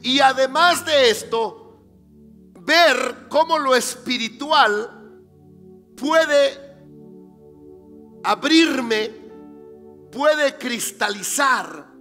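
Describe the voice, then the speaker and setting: High-voiced pastor preaching slowly. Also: male voice. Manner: asks the congregation rhetorical questions and answers them himself; rises to emphatic, near-shouted declarations. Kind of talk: sermon. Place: church sanctuary. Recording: reverberant church hall with faint music.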